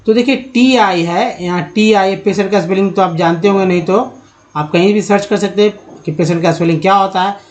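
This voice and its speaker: High-voiced man teaching English letters. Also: a little fast. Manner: explains step by step, many fillers, addresses viewers as friends. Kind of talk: spoken lesson to camera.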